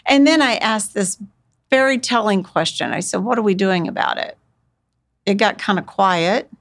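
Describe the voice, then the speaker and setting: A woman from talks as a guest on a podcast. Her voice sits at a middle pitch. She tells stories in an animated, folksy way and slips into quoting other people. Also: moderate pace. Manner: folksy, expressive, uses quoted dialogue. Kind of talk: animated conversational storytelling.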